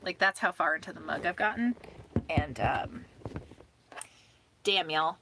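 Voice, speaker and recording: A young woman chatting casually on a live stream, rambling with lots of "um" and "like", laughing often and talking fast with some mumbling. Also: sits low, expressive, background noise. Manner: talks fast and mumbles at times.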